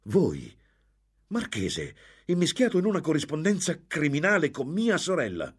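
A man voicing a hot-tempered young nobleman who shouts and challenges. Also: on the low side, expressive, normal speed, husky, pitched above the performer's own voice, full character voice. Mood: indignant. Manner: urgent, shouting.

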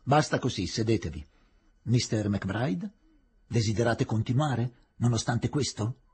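A man reading a small Indian magistrate keeping order in court. The voice is firm and formal, very husky and breathy, and its pitch moves in a lively way. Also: a little slow, exaggerated voice.

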